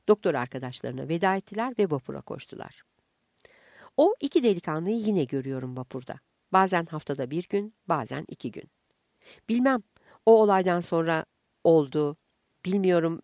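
A woman reading a humorous story aloud with expressive narration. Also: low-pitched, no echo, clean studio sound.

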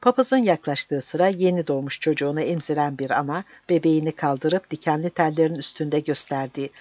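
Steady audiobook narrator. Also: medium pitch, fairly quick, dry recording. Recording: dull dry recording.

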